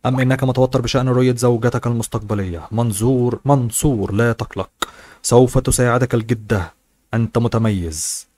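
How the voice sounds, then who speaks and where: A man's voice: mid-range voice, a little fast, a little mellow, no echo, close to an everyday voice. A man reading as a doting elegant old grandmother. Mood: fond. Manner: fond, teasing.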